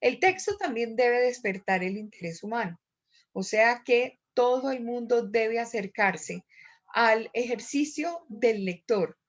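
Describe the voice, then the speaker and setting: A woman teacher giving a recorded lecture, explaining step by step with frequent pauses and fillers. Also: on the high side, lively intonation, highs cut off.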